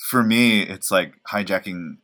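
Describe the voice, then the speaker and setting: In a casual interview, a man in his thirties, an actor from Oregon, USA, speaks with a low, fairly bright voice at a measured pace. He rambles, pokes fun at himself and leans on lots of fillers.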